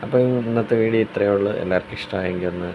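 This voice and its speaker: A woman's voice: a bass voice, steady tone, racing, highs cut off. A woman vlogging her child's school day, chatting to viewers and teasing her daughter with questions, outdoors at a busy school on a rainy day. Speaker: family vlogger and mother. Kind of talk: casual vlog narration to viewers. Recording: noisy phone audio with a crowd. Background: crowd of parents and children, background noise.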